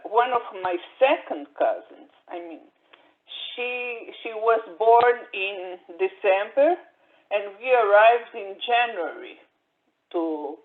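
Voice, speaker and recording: An older woman, raised in Brazil, tells her story at a slow, careful pace, stopping often to hunt for the right word. Her voice sits in a middle register and comes through thin and tinny, like a phone line. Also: mid-range voice. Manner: slow, halting, many fillers and restarts. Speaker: interviewee. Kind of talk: oral history interview.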